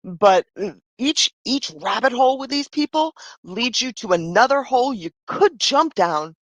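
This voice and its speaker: A woman's voice: on the high side, animated, moderate pace, fairly bright tone, dry recording. A woman hosting a casual live stream, chatting in a rambling way and losing her voice. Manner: chatty, rambling, frequent "I mean" and "right?". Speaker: livestream host.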